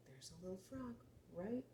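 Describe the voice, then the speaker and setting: With a warm, medium-pitched voice and big swings in pitch, a woman slowly and animatedly tells a picture-book story for young children. She keeps things simple and poses questions to the listener, while the audio carries roomy echo and faint background noise.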